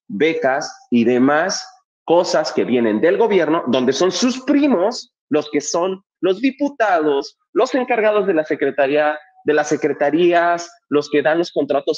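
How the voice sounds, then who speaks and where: A theatre artist from Coacalco in the State of Mexico argues passionately in a casual festival panel conversation. He piles up rhetorical questions and swears bluntly and freely, with emphatic conviction. His voice is fairly high for a man with a darkish tone, and the recording sounds dull and lo-fi.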